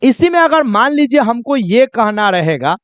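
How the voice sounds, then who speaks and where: A man teaching spoken English in Hindi, repeating each English phrase slowly and quizzing students. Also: very high-pitched, very animated, fairly bright tone, smooth, no room sound, muffled recording. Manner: conversational Hindi explanation with acted everyday scenes. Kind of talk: classroom-style spoken English lesson.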